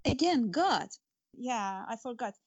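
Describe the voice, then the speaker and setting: The recording is muffled as a woman author, a non-native English speaker, talks earnestly about faith and her stories in an interview. She sounds a little high and animated yet speaks slowly, restarting often and leaning on fillers.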